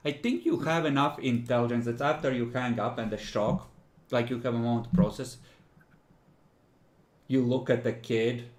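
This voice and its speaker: A man's voice: medium pitch, steady tone, normal speed, pauses often. A man working as a game master, improvising tabletop narration in a hesitant, wry, amused way. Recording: echoey room.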